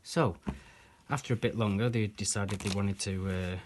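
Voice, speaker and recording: A man's voice: fairly low pitch, fairly even intonation, moderate pace, slight background noise. A man telling a rambling story as patter for a card trick, stringing quotes together with "he says". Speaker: magician.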